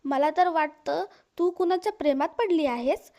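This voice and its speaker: A scolding young sister-in-law from a storybook, read out by a woman. She accuses and taunts, her voice pitched very high. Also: normal speed, dark tone, muffled recording.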